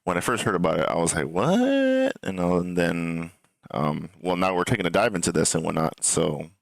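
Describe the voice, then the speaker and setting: A man's voice: low voice, steady tone, fairly quick, creaky, no echo, clean studio sound. A man giving casual, rambling streamer commentary in a hesitant, repetitive way, with casual swearing. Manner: hesitant, repetitive, meandering delivery. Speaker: streamer reacting to gaming news.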